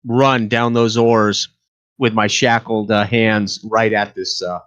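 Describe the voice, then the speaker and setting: A man's voice: lowish voice, little pitch movement, slow pace, fairly bright tone, no room sound. A man playing a tabletop role-playing game, eagerly describing his moves and often restarting sentences. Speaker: player. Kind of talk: casual tabletop game play. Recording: dull dry lo-fi sound.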